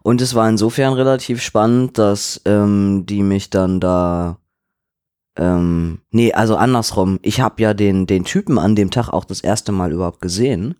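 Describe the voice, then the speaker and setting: A man with a lowish voice tells a story in casual podcast chat, slipping into the voices of the people in it. He uses plenty of fillers and laughs easily. The recording is close and dry, with no room around him. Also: moderate pace, no room sound. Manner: animated storyteller, acts out both sides of a dialogue; laughs often, many fillers. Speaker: podcast co-host.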